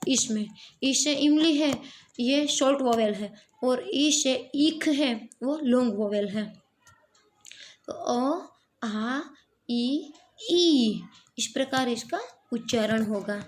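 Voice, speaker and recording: A woman teacher talks in a high voice at an unhurried pace. She stretches out each sound she demonstrates, the way she would to a class. Faint noise sits under the recording. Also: a little mellow. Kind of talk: slow classroom explanation of vowel sounds.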